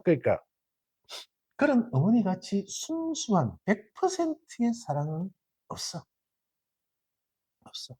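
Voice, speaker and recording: A man with a Gyeongsang accent giving a Buddhist sermon in a dharma hall, lively and quizzing his listeners with rhetorical questions. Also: high voice, takes it slowly, long pauses, slightly rough. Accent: Gyeongsang Korean.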